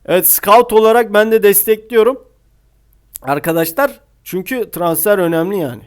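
Young male gamer for a football match commentary, high voice, bursts into sung goal shouts then mutters. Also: normal speed, clean tone. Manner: shouts and half-sings goals, then drops to low mutters. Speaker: gaming YouTuber playing a scout role. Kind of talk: excited live commentary of a mobile football match.

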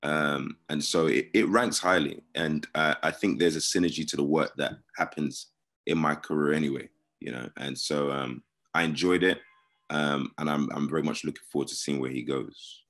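A man actor answering interview questions in a relaxed, playful way. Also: extremely low pitch, normal speed.

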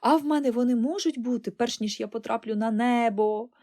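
A woman voicing an excitable, cheerful little girl who gushes and exclaims in breathless enthusiasm, in an audiobook. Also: a little high, moderate pace, voice pushed up. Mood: excited.

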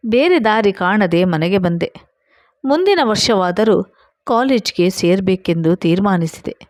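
A woman narrating a first-person story, reading out the quoted dialogue in her steady storytelling voice. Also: medium pitch, unhurried, no room sound, studio quality.

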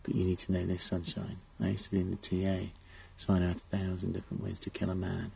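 An actor playing a menacing, mock-tough man with a husky, gravelly voice in a found-footage film. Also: deep voice, monotone, quick pace, mellow, full character voice. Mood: mock menace. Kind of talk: naturalistic found-footage horror film dialogue.

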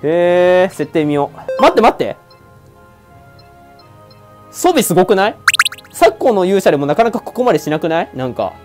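Excitable man joking at the screen. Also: high-pitched, moderate pace, long pauses, music in the background. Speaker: let's-play streamer. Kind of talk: casual game commentary.

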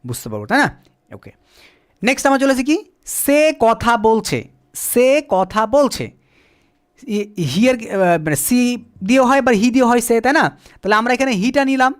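A male teacher whose first language is Bengali is running a beginner English lesson at a board. He talks patiently and keeps putting questions to the class, then answers them himself. Now and then he slows down to spell a word letter by letter. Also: very high-pitched, sing-song, clean tone.

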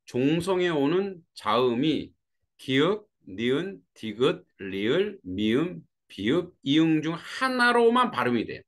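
A man's voice: fairly high pitch, very animated, takes it slowly, fairly bright tone. A man teaching an online grammar lesson, talking students through examples and checking with them after each point. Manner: greets students by name as they join. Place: warm room with a fan.

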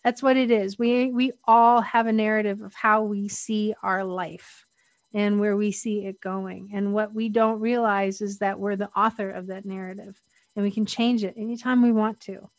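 A woman's voice: medium pitch, level tone, moderate pace, no echo. A middle-aged woman, a guest on a podcast interview, speaking candidly and laughing often.

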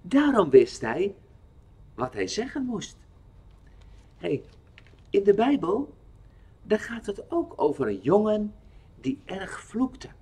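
Man, children's Bible storyteller, slow and slightly husky, very animated pitch. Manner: expressive, questioning the listener.

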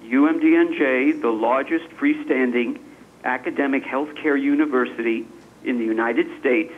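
A man speaking over the phone, reading a prepared statement as a public commenter in a formal, measured way, in short phrases. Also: mid-range voice. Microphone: telephone. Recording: tinny phone line with faint noise.

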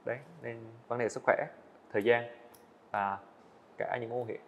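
Over lo-fi sound with faint hiss or hum, a young student animator speaks in a medium-pitched, fairly flat voice. Sitting for an interview in an indoor studio, he replies quickly and sincerely in everyday language, frequently backing up to restart a phrase.

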